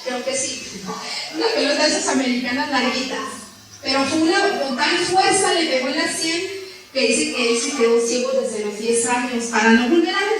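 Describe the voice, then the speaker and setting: A woman's voice: high voice, fairly bright tone. A woman preaching a sermon, telling a story in a conversational way with many rhetorical questions. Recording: echoey room from far off the mic.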